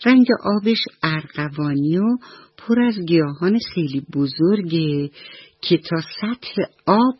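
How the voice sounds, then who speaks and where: A woman voicing an excitable young puffer fish who tells fanciful stories. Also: fairly low pitch, slightly rough, no echo, muffled recording. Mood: eager. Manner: eager, boastful, insistent.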